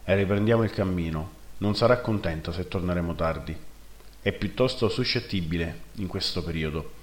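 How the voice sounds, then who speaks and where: A man's voice: low voice, normal speed, close to an everyday voice. A man voicing a male undead death knight commander who gives curt, matter-of-fact orders, in a roomy recording. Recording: roomy echo.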